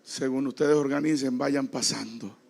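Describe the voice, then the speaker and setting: A man preaching a dramatic sermon as a pastor, acting out the voices in the story and rising now and then to a shout. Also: mid-range voice, steady tone, normal speed, vocal fry. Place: church.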